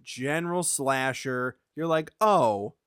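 A man's voice: medium pitch, animated, slow pace, a bit bright, clear, resonant tone, dry recording, clean studio sound. A man co-hosting a podcast in casual, jokey chat. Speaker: podcast co-host.

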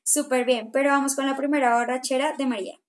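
A young woman hosting a casual podcast chat, reading listener questions and reacting quickly. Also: high-pitched, steady tone, over a noisy crowd. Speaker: podcast host.

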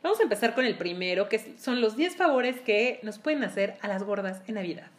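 A woman co-hosting a casual group conversation, laughing often and talking in an animated way. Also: medium pitch, brisk.

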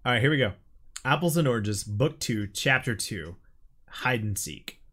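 A man's voice: mid-range voice, expressive, moderate pace, fairly bright tone. A young man co-hosting casually, swearing and laughing while he reads out an old screenplay he wrote. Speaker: co-host reading his old script. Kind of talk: casual chat and script reading.

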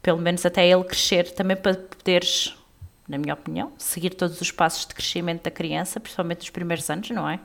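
A woman's voice: fairly low pitch, steady tone, fast, vocal fry. A woman in her thirties with a European Portuguese accent, chatting casually with a friend as a podcast co-host. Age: 30s. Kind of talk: casual chat between friends.

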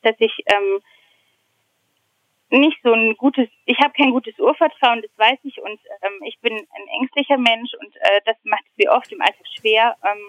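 A woman's voice: fairly high pitch, normal speed, a bit bright, dry recording, dull audio. A woman in her thirties talking candidly as a podcast guest, hesitant and reflective, with many fillers. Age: 30s. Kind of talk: candid personal conversation.

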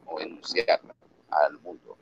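Speaking slowly in a creaky bass with little pitch movement, a Venezuelan radio announcer and producer from Valera gives earnest, instructive answers in a remote interview. His Andean accent comes through dull lo-fi video call audio with faint noise.

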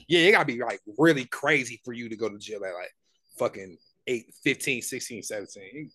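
A man's voice: medium pitch, brisk, sharp tone, no room sound. A man in his twenties co-hosting a podcast in casual chat. He talks in a laid-back, slangy way and restarts his sentences often. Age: 20s. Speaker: podcast co-host.

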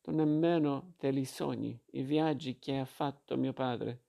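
A man reading aloud and voicing a fiery, indignant boy who answers defiantly, in a dark and gravelly voice. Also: medium pitch, unhurried. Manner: vehement, defiant.

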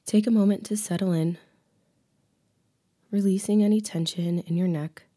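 A woman leading a guided meditation with affirmations in a calm, soothing, unhurried, breathy voice that is close to a whisper, right in the listener's ear. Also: mid-range voice.

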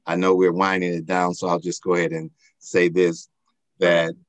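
A man's voice: deep voice, completely flat delivery, no room sound. Older man on a glitchy video call. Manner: slow and halting, with many fillers. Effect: heard over a glitchy video call. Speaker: guest. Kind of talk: reflective interview talk.

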